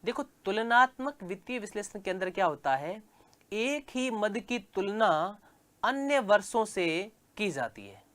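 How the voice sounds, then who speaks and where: A male commerce teacher, lecturing and slowly repeating key terms, asking the class questions and answering them himself. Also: high voice, sing-song, fairly bright tone.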